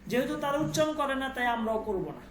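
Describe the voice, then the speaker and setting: A woman teaching a language class, patiently repeating words slowly for her students. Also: high-pitched, animated. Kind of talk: online class lesson. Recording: echoey room with background noise.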